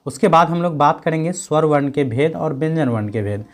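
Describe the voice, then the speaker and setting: A man teaching a grammar lesson who asks questions and answers them himself, repeating key points, checking in often and sounding out letters slowly. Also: a little high, expressive.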